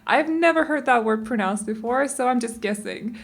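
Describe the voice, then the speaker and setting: A young Danish woman, not a native English speaker, talks casually over a speed build video on her game building channel. Her fairly high voice is expressive and creaky at a moderate pace, and she rambles, often correcting her own word choices.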